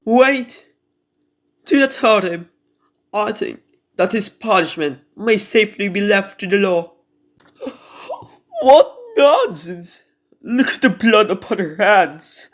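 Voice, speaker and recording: In an amateur radio drama, a woman with a medium-pitched voice plays a cunning, murderous noblewoman who feigns grief and mercy, delivering the role in a theatrical, deliberate way.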